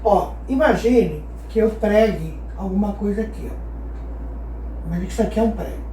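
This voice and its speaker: At normal speed and in a mellow, medium-pitched voice, a woman teaches a geometry lesson, patiently putting questions to the class and answering them herself. The audio has a little hiss or hum, an echoey room and a mic set far away.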